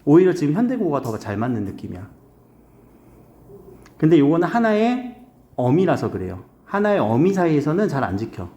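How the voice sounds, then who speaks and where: Male grammar teacher, casual, keeps quizzing the class, animated pitch, roomy echo. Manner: casual, quizzing students with quick questions. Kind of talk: recorded lecture to high school students. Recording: echoey room.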